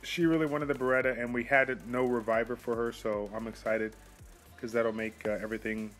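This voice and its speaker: Excitable young man narrating game summons. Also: medium pitch, soft background music. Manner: excitable, rambling, quick outbursts. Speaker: mobile game channel host. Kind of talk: casual gameplay commentary. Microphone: phone mic.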